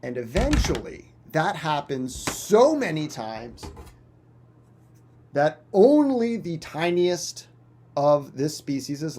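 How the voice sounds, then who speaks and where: Lively, dramatic male science teacher. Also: a little high, a little hiss or hum. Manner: dramatic, playful storyteller with vivid sound effects. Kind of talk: animated storytelling lesson.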